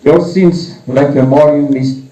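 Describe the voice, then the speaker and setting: A man leading a church service, praying and announcing readings slowly with halting "uh" fillers, his voice ringing with cathedral echo. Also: fairly high pitch, fairly even intonation, warm tone. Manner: slow, halting delivery with "uh" fillers. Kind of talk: liturgical prayer and scripture announcement. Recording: roomy church echo, dull lo-fi sound.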